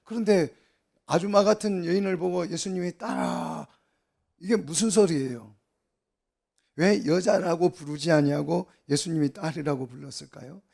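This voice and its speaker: A man's voice: fairly high pitch, normal speed, creaky, darkish tone. A middle-aged man preaching an expository sermon as pastor, often asking the congregation questions and answering them himself.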